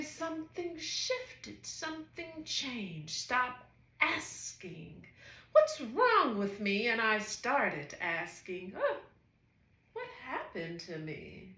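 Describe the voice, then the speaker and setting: Slow, lilting woman in an echoey room. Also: on the high side. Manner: slow, breathy, lilting delivery with soft exclamations. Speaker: psychotherapist and wellness coach. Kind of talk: spoken-word monologue.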